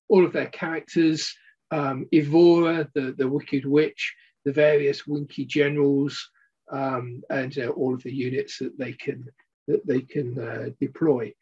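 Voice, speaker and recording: A middle-aged man presenting an unboxing video, talking through components off the cuff in a hesitant, halting way and often rephrasing himself. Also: fairly high pitch, a little mellow, breathy edge, dull audio. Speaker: presenter of a board game unboxing. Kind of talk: unboxing video commentary, unscripted walkthrough of components. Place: indoor hobby room at a table.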